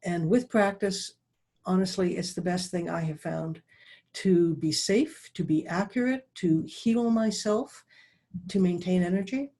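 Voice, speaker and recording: A middle-aged woman giving an online talk as a dowsing presenter, speaking quickly and earnestly with restarts and asides. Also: fairly low pitch, warm tone. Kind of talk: online talk over a video call. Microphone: video call.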